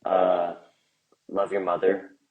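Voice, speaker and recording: A man co-hosting a comedy sketch, giving absurd answers in a flat, deadpan way. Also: low voice, takes it slowly, phone-quality sound. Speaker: comedy show co-host.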